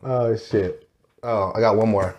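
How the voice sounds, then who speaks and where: A man's voice: fairly low pitch, fairly even intonation, measured pace, a little mellow, a little hiss or hum. A man co-hosting a podcast, laid-back, joking and profane in casual chat. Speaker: podcast co-host.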